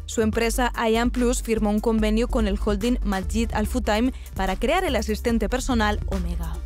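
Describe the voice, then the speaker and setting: Woman, news magazine presenter, scripted narration, higher-pitched voice, music behind. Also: normal speed, darkish tone. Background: background music.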